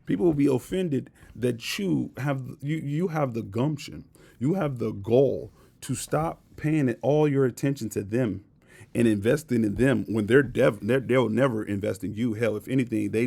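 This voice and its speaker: Gravelly man ranting bluntly. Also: mid-range voice, moderate pace, warm tone. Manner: blunt, profane, emphatic, repetitive. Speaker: vlogger. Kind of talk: casual unscripted rant.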